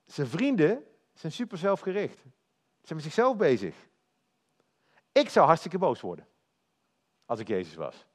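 A man preaching a sermon, telling the story in a lively way and speaking directly to his listeners. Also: fairly high pitch, unhurried, pauses often.

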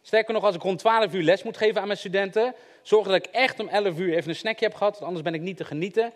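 Young man, casual sermon, talks straight to the room, light humor, slightly high voice. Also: quick pace. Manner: conversational, joking asides, addresses the audience directly. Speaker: preacher. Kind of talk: informal sermon.

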